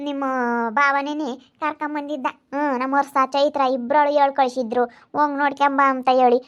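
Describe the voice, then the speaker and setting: A woman's voice: high-pitched, little pitch movement, brisk, dull audio. A woman acting in a village family drama, talking in a soothing yet firm, scolding way.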